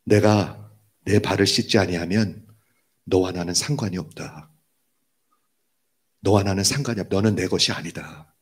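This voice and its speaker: Preacher doing a grave male teacher, deep voice, slow, quiet, commanding. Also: breathy edge.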